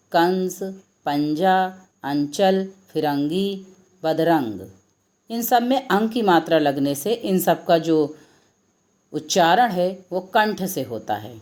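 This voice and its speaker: A woman's voice: fairly low pitch, darkish tone. A woman teacher giving a lesson to children, reading example words out one by one. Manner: slow, deliberate word-by-word reading of examples. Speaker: Hindi teacher.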